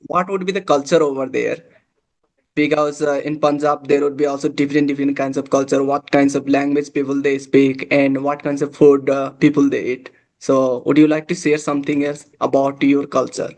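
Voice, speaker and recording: A man's voice: medium pitch, flat delivery, brisk, darkish tone. Hesitant man hosting a chat. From Nepal. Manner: hesitant, many uh fillers. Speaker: host. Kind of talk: casual conversation practice.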